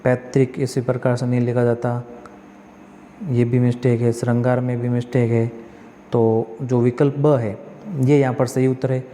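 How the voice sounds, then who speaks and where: Flat-voiced male tutor, reverberant room. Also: medium pitch, normal speed, a little hiss or hum. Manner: reads each question, then corrects spellings step by step; asks himself questions and answers them. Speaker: exam prep tutor. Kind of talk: explaining practice questions.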